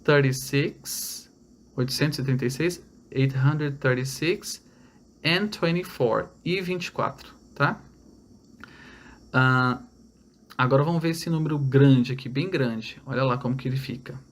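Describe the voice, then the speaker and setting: Brazilian guy teaching english numbers, slows way down on the english words, keeps going "tá?". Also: mid-range voice. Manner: explains step by step, repeats numbers slowly in English; checks in with "tá?" and "olha lá". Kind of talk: online language lesson.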